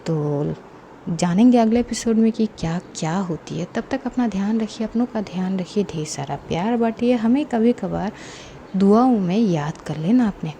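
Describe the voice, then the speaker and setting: A woman narrating a spoken love story in a soft, half-whispered telling, and signing off to listeners. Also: mid-range voice, lively intonation, normal speed, a little hiss or hum.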